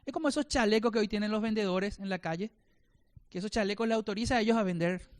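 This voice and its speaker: A man's voice: sits high, fast talker. A male pastor, preaching a sermon with rhetorical questions and acted-out voices.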